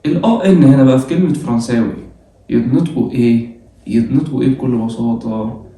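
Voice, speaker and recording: A man with an Egyptian accent teaching French pronunciation, lively and coaxing, slowly repeating sounds for students. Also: medium pitch, heavy reverb, distant mic. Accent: Egyptian Arabic. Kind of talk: online lesson for secondary school students.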